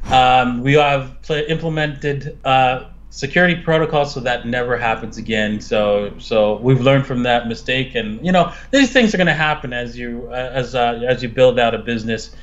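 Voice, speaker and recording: A man giving casual crypto market commentary like a crypto bro, speaking in a hesitant, halting way. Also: medium pitch, highs cut off. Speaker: crypto analyst guest.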